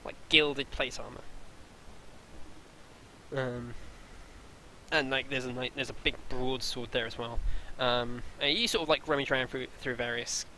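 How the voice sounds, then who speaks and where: A man's voice: medium pitch, fairly even intonation, unhurried, pauses often, sharp tone, a little hiss or hum, rough recording. A man running a tabletop role-playing game, narrating the scene with many fillers and restarts. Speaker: game master.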